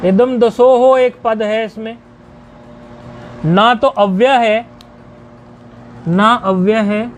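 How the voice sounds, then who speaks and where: A man teaching a grammar lecture, explaining rules deliberately and chanting each rule syllable by syllable. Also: sits high, fairly even intonation, a little hiss or hum.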